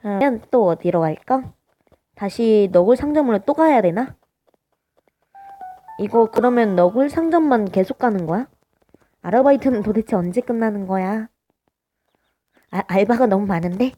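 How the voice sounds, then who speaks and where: A woman with a naturally high voice, chatting casually as she plays a life-sim game, hesitant and full of little filler sounds. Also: lively intonation, normal speed, pauses often, dark tone. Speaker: game streamer. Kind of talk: casual gameplay commentary.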